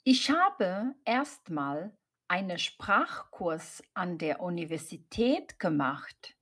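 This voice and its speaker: A woman doing a slow-talking young student. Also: lowish voice, very animated, slightly rough, full character voice. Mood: plain. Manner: plain, careful storytelling answers. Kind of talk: slow scripted dialogue for learners.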